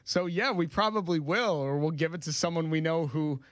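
A man's voice: a little high, fairly quick, no room sound. Storytelling man on a dry studio mic. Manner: storytelling, laughing often. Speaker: radio show co-host. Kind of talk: casual morning show banter.

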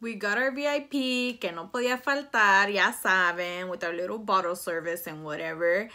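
A woman in her twenties, speaking at a moderate pace in a sharp, medium-pitched voice, recounts a personal story to camera in a casual storytime chat. She uses slang and switches between English and Spanish, filmed in a small plain indoor room.

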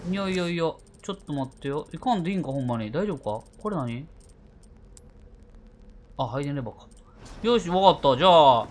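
A man's voice: fairly high pitch, fairly quick, pauses often, a little hiss or hum. A man with a Kansai accent doing jokey let's-play commentary on a horror game. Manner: excitable, jokey, reads game text aloud. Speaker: game streamer.

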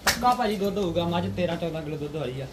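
Punjabi cattle seller talking fast, a bit high, noisy shed. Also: male voice, animated. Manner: quick, bargaining. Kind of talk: casual sales chat. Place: farm cattle shed, indoors.

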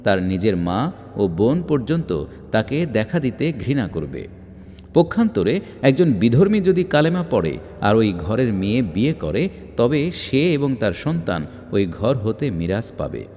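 A man reading a religious book aloud in a measured, emphatic way, with rhetorical questions. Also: mid-range voice, very animated, darkish tone. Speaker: audiobook reader. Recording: long hall reverb.

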